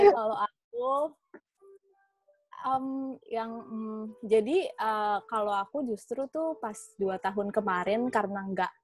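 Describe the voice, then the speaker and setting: A woman's voice: medium pitch, a little mellow, poor audio. A young woman chatting casually in a podcast, rambling with fillers and restarts, often laughing. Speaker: guest.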